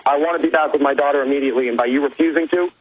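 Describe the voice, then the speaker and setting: A man's voice: fairly high pitch, fairly even intonation, racing, slightly rough. A man calling in to a live radio show, agitated and insistent as he demands to be let through. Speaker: caller. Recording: dull phone line.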